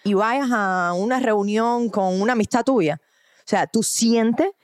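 A woman's voice: medium pitch, slow pace, slight background noise. A woman hosting a podcast, talking in an enthusiastic and encouraging way. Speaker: podcast host. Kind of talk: casual conversation.

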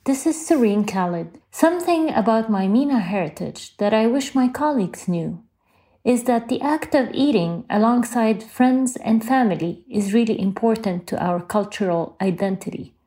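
A woman's voice: on the high side, animated, moderate pace, dark tone. A woman from Lebanon, a guest speaking earnestly in a personal reflection. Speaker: network member guest.

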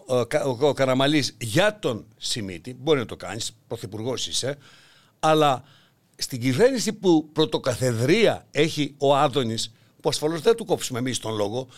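A man's voice: mid-range voice, lively intonation. An older man hosting a satirical political monologue, mocking and theatrical, acting out voices as he goes. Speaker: podcast host.

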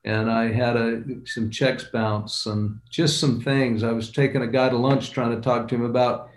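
A man's voice: mid-range voice, fairly even intonation. Older man telling his story, roomy echo. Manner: earnest, unhurried recollection. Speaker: guest entrepreneur. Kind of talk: personal storytelling.

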